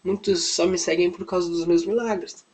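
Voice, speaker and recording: A man voicing Jesus in a children's Bible story, speaking softly and reassuringly. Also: sits high, steady tone, normal speed, far from the mic. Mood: confiding. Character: gentle calm Jesus, adult man, reassuring.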